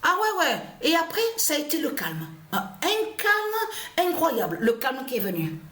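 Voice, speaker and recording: A woman's voice: high voice, huge pitch swings, measured pace, a bit bright, echoey room. A woman telling a personal story in an agitated, repetitive way, cursing often. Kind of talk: angry personal storytelling monologue.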